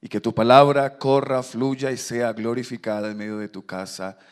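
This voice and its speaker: A pastor leading a fervent, loud prayer and preaching a sermon. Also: male voice, mid-range voice, little pitch movement, moderate pace, smooth.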